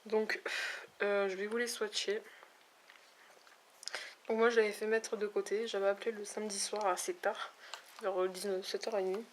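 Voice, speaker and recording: A woman's voice: mid-range voice, flat delivery, normal speed, long pauses, slight background noise. Chatty woman swatching makeup. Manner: chatty, hesitant, many fillers. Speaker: beauty vlogger. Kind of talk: casual makeup swatch review. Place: at home, near a window with backlight.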